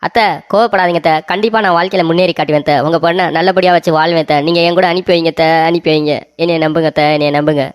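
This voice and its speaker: A woman's voice: on the low side, fairly even intonation, rapid-fire, hardly any pauses, close to an everyday voice. A woman voicing a young husband in a comic cartoon, pleading and repeating every line twice.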